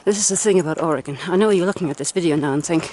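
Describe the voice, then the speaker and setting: A woman's voice: on the low side, rapid-fire, mellow, slight background noise. A woman with a Liverpool accent, out of breath, chatting through a casual hiking vlog outdoors on a trail, explaining as she walks. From England. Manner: chatty, explanatory, laughs easily. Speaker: long-distance hiker and vlogger.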